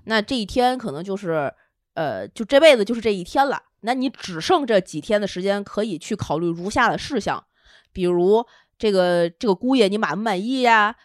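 A young woman, hosting a podcast and telling a personal story in an emotional, animated way. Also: mid-range voice, fairly quick, no echo, studio quality. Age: young adult. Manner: emotional, animated retelling with quoted dialogue. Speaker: podcast host. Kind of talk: casual storytelling chat.

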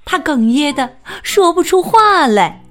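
Woman storyteller for kids' picture books; high, lively voice, slow and sing-song, soft music behind. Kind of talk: children's story reading.

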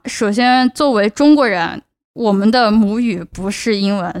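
Earnest young Chinese woman, fairly high voice. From China (Chongqing). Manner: earnest, advice-giving, stresses words by repeating them. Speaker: podcast host. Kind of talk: casual solo podcast talk.

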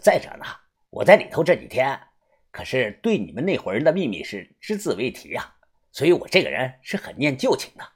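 A man voicing a smooth-talking, chummy gang boss in an audiobook, who drags out his fillers. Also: mid-range voice, huge pitch swings. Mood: confiding. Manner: folksy, drawn-out fillers like "ah" and "hey". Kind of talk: audiobook character voice.

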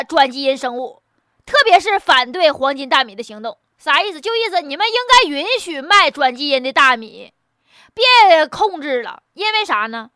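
A woman's voice: high-pitched, bright, forceful tone, dry recording, studio quality. A woman with a Northeastern Chinese accent giving casual, humorous news commentary in a blunt, mocking, colloquial way full of rhetorical questions. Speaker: host.

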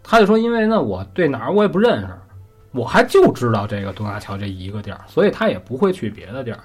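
A man's voice: mid-range voice, sing-song, fast talker, breathy edge, faint music behind. A man telling a story in a chatty, conversational way, often asking the listener questions. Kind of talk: casual spoken storytelling.

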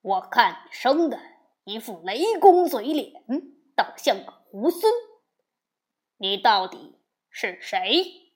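A woman voicing a boastful male demon king in a storybook tale, talking loudly and bluntly. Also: medium pitch, takes it slowly, lightly acted. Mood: blustering. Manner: loud and blustering.

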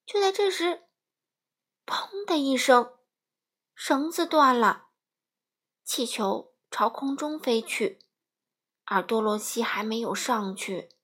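A mother reading a storybook aloud to children in a gentle, storytelling manner. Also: a little high, slow, long pauses, slightly rough.

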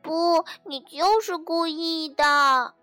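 A woman's voice: very high voice, takes it slowly, sharp tone, no room sound, soft background music, voice pushed up, heavily acted. A woman doing a timid little storybook mouse. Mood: gentle. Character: timid little male mouse, soft and easily scared.

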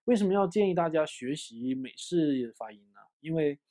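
A man's voice: a little high, moderate pace. Upbeat Chinese man teaching English. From China. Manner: lively, explanatory, with many fillers. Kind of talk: online lesson.

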